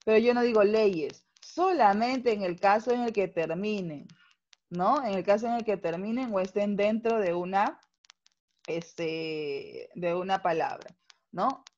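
A woman teacher with a Peruvian Spanish accent talks slowly and deliberately, stopping often to check that her students follow. Her voice comes through muffled, lo-fi video call audio. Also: medium pitch, darkish tone. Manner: patient, explanatory, checks understanding with tag questions. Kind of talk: online class lecture.

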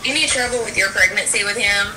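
A woman asking a family gentle, hesitant screening questions about a child, with many fillers. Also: mid-range voice, fast, roomy sound, distant mic, rough recording. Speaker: developmental screening clinician. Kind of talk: clinical intake questions.

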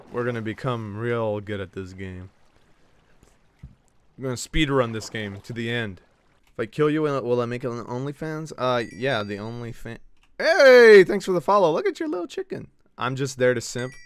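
Here a male Twitch streamer at medium pitch narrates his gameplay live with plenty of excitement, tossing out swear words and yelps while he banters back and forth with his chat.

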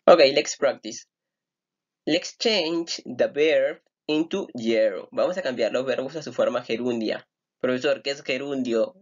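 A man's voice: medium pitch, slow pace, dull audio. A man teaching an English grammar lesson, patiently repeating words and asking rhetorical questions. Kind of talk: recorded online grammar lesson.

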